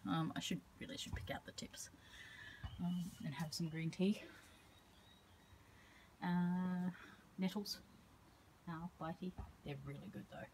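Unhurried woman rambling through her garden. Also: lowish voice, steady tone, a little mellow, slight background noise, poor audio. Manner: unhurried, rambling, frequent ums. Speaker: herbalist showing her garden. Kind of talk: casual garden tour. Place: outdoor home garden. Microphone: handheld phone.

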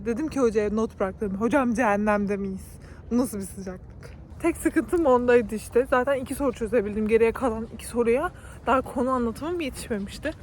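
Recording herself at arm's length on a phone camera, a young woman in her twenties who studies at university vents with animation in a casual vlog. Her voice is high, and a little hiss or hum sits under it. She's outside on campus streets in the wind.

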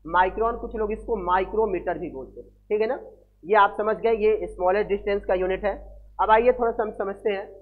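A man's voice: high-pitched, a little fast. A man teaches a physics lesson, mixing English terms into his explanation. He keeps asking his students questions and repeats each value twice. The sound is thin and phone-like, as if recorded on a cheap mic. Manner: addresses students as beta, repeats key values and asks quiz questions. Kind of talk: classroom lecture.

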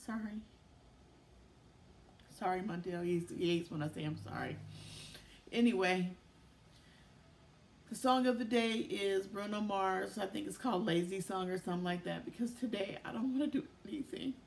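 A middle-aged woman talking in a casual video diary, weary and emotional, speaking haltingly with many pauses. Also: medium pitch, creaky, a little mellow, slight background noise. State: tired and tearful. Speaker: vlogger.

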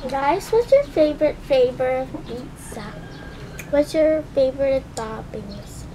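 A woman's voice: high voice, lively intonation, unhurried. A young girl vlogger chatting to viewers while chewing her food. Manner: simple chatty talk to viewers. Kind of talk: casual mukbang vlog. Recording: noisy home recording.

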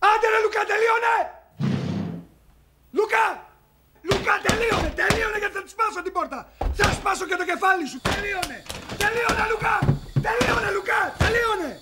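An actor playing a furious middle-aged father who shouts, curses and bangs on a door at his son in a film. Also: extremely high pitch, vocal fry, few pauses, slight background noise, full character voice. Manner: yelling, cursing, pounding on a door. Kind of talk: shouted film drama acting.

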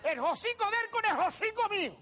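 A cheeky old Canarian countryman, yelling his punchlines in a piercing, very high voice. He swears freely and sounds bright and sharp, all Canarian accent and rustic swagger. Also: sing-song, brisk, heavily acted. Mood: storytelling. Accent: Canarian Spanish. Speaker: stand-up comedian. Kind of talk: character stand-up monologue. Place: TV studio stage before a live audience.

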